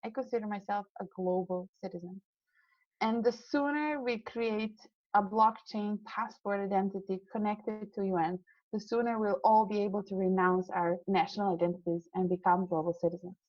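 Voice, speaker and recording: Young woman guest from Serbia, idealistic, halting with fillers; muffled, dry audio. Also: medium pitch, fairly even intonation, dry recording. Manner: earnest, idealistic, frequent fillers and restarts. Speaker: guest, climate scientist. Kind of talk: casual interview talk.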